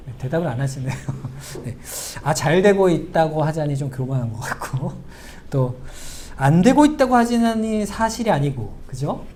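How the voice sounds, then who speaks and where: A middle-aged male pastor giving a sermon in a church, talking conversationally, asking the congregation questions and slowing to a near whisper for emphasis. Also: fairly high pitch, sing-song, a little mellow, a little hiss or hum. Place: church sanctuary.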